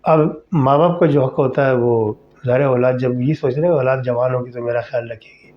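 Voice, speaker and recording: A man's voice: mid-range voice, steady tone. A man hosting a podcast, telling a horror story in a chatty, conversational way and speaking directly to the listener. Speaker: storyteller host. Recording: slightly dull lo-fi recording.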